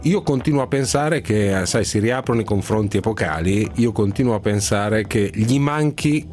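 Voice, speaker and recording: A man's voice: lowish voice, moderate pace, darkish tone. A man hosting a sports radio show in chatty, bantering talk. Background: music.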